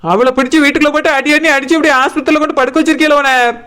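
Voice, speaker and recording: A woman plays a village neighbor from a cartoon who keeps earnestly pleading with the house owner. She speaks with a Kanyakumari Tamil accent, in a high and urgent voice. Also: fairly even intonation, rapid-fire, a bit bright.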